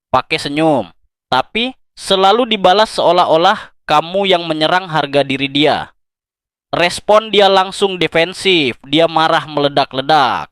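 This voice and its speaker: A man's voice: a little high, a bit bright, no room sound. A man giving scripted relationship advice, speaking directly and intimately to the listener.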